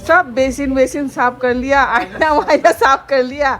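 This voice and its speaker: A woman's voice: sits high, measured pace, low-quality recording. A woman from Tripura, India, chatting playfully to camera as a vlogger at a busy indoor birthday party. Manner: playful, joking narration to camera. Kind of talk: casual vlog chat. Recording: lively crowd noise behind.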